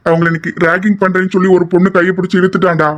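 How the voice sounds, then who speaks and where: A man's voice: high voice, little pitch movement, rapid-fire, heavy background noise, natural voice. A young man voicing male college students in an amateur audio drama, with a confrontational, lecturing manner. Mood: heated.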